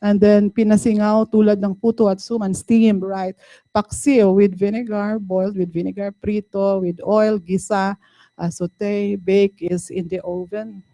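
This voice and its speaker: A woman's voice: mid-range voice, little pitch movement, measured pace, mellow, dry recording. A woman with a Filipino accent giving a university lecture, patiently explaining and checking in with "no?" and "okay?". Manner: code-switching, explaining patiently with frequent "no?" and "okay?". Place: lecture room.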